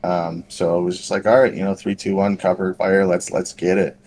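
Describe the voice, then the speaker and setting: Man, low voice, casual podcast storytelling, rambling, lots of fillers, self-deprecating. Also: level tone, fairly quick, darkish tone. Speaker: podcast co-host.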